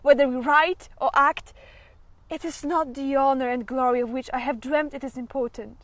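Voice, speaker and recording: A woman playing a weary, fragile yet fervent young actress in a theatrical monologue, with a halting, emotionally wavering delivery. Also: sits high, steady tone, dry recording, lightly acted. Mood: fervent, exultant.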